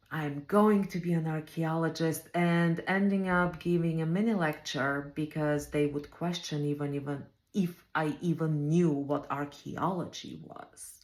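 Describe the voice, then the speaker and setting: A Bulgarian-accented woman, a native speaker of Bulgarian, with a low voice. She reflects on her career in an unhurried, measured way, pausing on frequent ums. Her voice carries a roomy echo. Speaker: home care operations leader.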